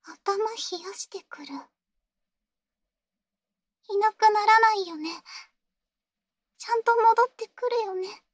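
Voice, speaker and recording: A woman playing an insecure young girlfriend in an ASMR role-play, halting and pleading, with a sweet, eerily obsessive manner. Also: very high voice, no echo. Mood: fragile, apologetic. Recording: close, dry ASMR audio.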